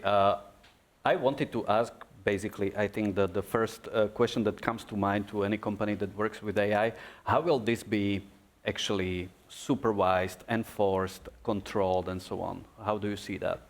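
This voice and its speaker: A man's voice: on the low side, steady tone, moderate pace. A man moderating a live question-and-answer session in an informal, conversational way. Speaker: event moderator.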